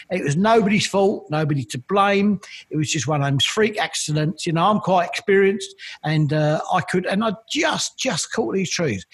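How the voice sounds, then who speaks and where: Husky-voiced East London man telling stories. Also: on the high side. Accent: East London Cockney. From East London, England. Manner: chatty, rambling, repeats "I've got to be honest". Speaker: interview guest, militaria collector. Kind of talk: casual storytelling interview.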